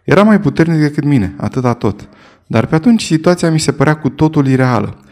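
A man reading a story aloud in the first person, with measured, steady storytelling. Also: on the high side. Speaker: narrator. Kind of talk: scripted first-person narration.

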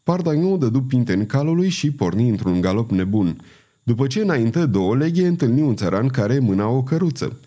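A man narrating a novel as an audiobook, in a measured, expressive storytelling manner. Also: medium pitch. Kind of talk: audiobook reading.

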